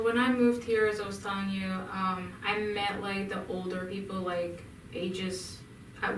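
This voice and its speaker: A young Egyptian woman answers interview questions hesitantly, with many pauses and restarts. Her medium-pitched voice is a bit bright, recorded in an echoey room with the mic at a distance and slight background noise.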